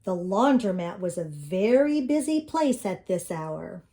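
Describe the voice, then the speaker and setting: A woman's voice: on the low side, expressive, a little slow, warm tone. An older woman reading a children's picture book aloud in a sweet, grandmotherly storytelling manner.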